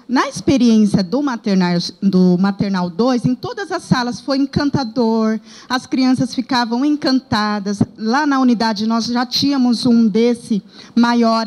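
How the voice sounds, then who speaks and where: A woman with a Brazilian Portuguese accent recounts a classroom episode with earnest storytelling, her voice sitting a little high. She speaks as a daycare director sharing a report at a workshop. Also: darkish tone, rough recording. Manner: earnest storytelling, reenacting dialogue.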